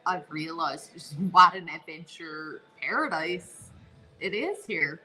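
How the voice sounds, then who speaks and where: A woman's voice: low-pitched, slow pace, pushed and bright, soft background music, poor audio. A woman from Newfoundland with a Newfoundland accent, chatting casually and enthusiastically as a guest co-host. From Newfoundland, Canada. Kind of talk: casual chat.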